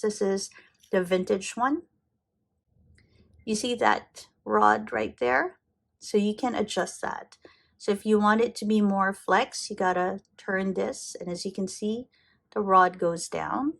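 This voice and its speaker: A woman's voice: mid-range voice, vocal fry. A middle-aged woman with a Filipino accent, chatting enthusiastically as she shows off her fountain pen collection, often correcting herself. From Philippines. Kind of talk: casual show-and-tell.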